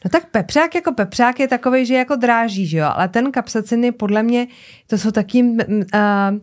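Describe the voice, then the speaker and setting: A woman chats casually with a friend, reading advice off a website and breaking in with her own comments. Her delivery is loose and full of filler words. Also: a little high. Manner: chatty, reads aloud with asides and filler words. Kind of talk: casual chat, reading tips aloud from a website.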